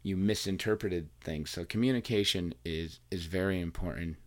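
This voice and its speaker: Speaking at a moderate pace in a deep voice, this podcast host and coach chats casually with his wife in their home recording room. His talk is earnest and meandering, and he keeps restarting his sentences. His mic runs into recording software.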